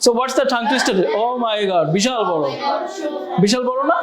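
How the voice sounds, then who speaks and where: English teacher, classroom lesson, call-and-response drilling, mixes in English phrases, loud chanting class behind. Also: medium pitch, takes it slowly, a loud crowd.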